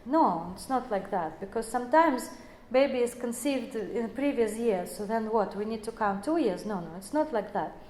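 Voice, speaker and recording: A woman's voice: fairly high pitch, lively intonation, moderate pace, few pauses, a little mellow, a little hiss or hum. A woman in her forties giving an explanatory lecture, speaking English as a with many fillers and self-corrections. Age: 40s. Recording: echoey room.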